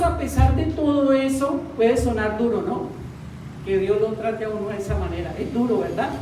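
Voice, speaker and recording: Slow preaching woman in echoey hall. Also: a little high, dark tone, slight background noise. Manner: questions the congregation often, slow and emphatic. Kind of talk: sermon. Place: church hall. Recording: distant mic in an echoey church hall.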